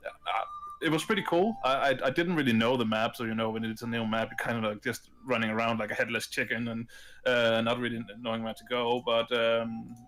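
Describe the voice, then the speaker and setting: A man's voice: medium pitch, steady tone, a little fast, a bit bright, faint music behind, rough recording. A man from Denmark with a Danish accent, co-hosting a casual live stream chat, often stumbling and restarting his sentences. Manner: hesitant, stammering restarts. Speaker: podcast co-host.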